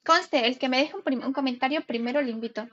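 Una mujer joven que transmite en directo un juego, charlando de forma juguetona y leyendo en voz alta los nombres de su chat. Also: female voice, sits high, fast talker, a bit bright, muffled recording, slight background noise. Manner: chatty, playful, greets viewers and reads chat names aloud. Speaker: gaming live streamer. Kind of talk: casual live stream chat.

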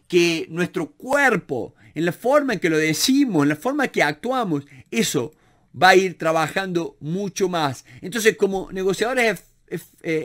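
A man explaining negotiation ideas from a book, animated and repeating words with frequent fillers. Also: sits high. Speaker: negotiation instructor.

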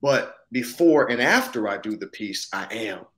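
A man in his thirties, an actor appearing as an interview guest, talks thoughtfully and casually over a video call, peppering his speech with "you know what I'm saying." His lowish, fairly bright voice has lively intonation and a measured pace, and he sits close to the camera in an indoor room.

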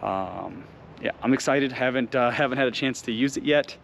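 A man's voice: mid-range voice, moderate pace, gravelly, a bit bright. A man giving a casual vlog update, rambling with many ums and uhs, recorded outdoors and then in his truck. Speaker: vlogger. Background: outdoor noise, rain.

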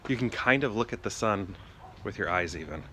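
Speaking a little fast with a lowish, expressive voice and a sharp edge, this forties-aged man narrates a casual sky-watching vlog from his backyard. His phone is held at arm's length, and the outdoor ambience is clear. He muses tentatively, frequently letting thoughts trail off.

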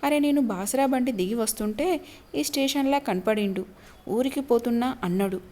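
A woman storyteller voicing a gossipy young working-class man who talks in a hushed way. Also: extremely high pitch, normal speed.

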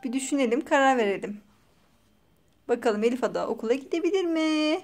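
A woman's voice: high voice, expressive, brisk, a little mellow. A young mother chatting playfully with her toddler, asking teasing, sing-song questions for a family vlog.

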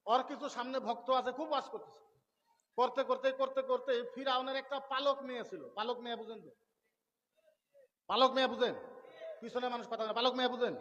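A male preacher tells a story in a sermon, repeating phrases and throwing rhetorical questions at his listeners. His voice sits very high for a man. It carries a long reverb from a loudspeaker setup. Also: muffled recording. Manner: rhetorical questions to the crowd, repetition.

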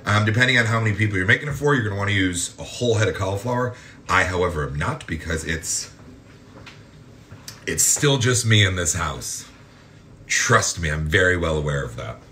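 A man's voice: low voice, expressive, a little fast, bright, forceful tone, slight background noise. Chatty, campy man hosting a home cooking show. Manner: chatty, campy, self-mocking jokes. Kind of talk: casual cooking demonstration. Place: home kitchen.

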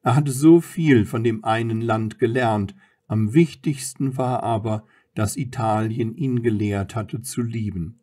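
Male audiobook narrator, calm and measured. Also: medium pitch. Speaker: audiobook reader. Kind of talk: scripted narration.

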